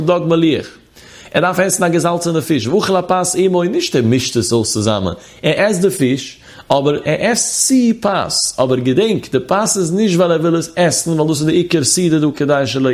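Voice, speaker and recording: A religious teacher with a slightly high, gravelly voice chants text in a sing-song manner, reading phrases and then explaining them in a study lesson.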